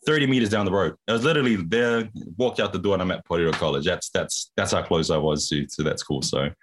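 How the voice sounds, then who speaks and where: Deep-voiced laid-back young man. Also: quick pace, slight background noise. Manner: laid-back slangy chatter with frequent laughs. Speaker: podcast guest. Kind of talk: casual storytelling.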